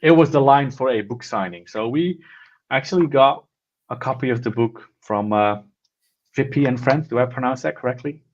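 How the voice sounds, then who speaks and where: A man's voice: mid-range voice, normal speed. A man co-hosting a casual tech chat, talking enthusiastically and rambling with restarts. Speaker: podcast co-host. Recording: slightly dull lo-fi sound.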